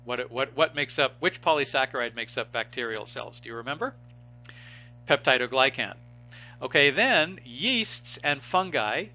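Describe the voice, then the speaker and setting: A man's voice: mid-range voice, sharp tone, muffled recording. A man teaching a biology class, explaining step by step and asking his students rhetorical questions as he goes. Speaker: biology instructor. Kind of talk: recorded lecture.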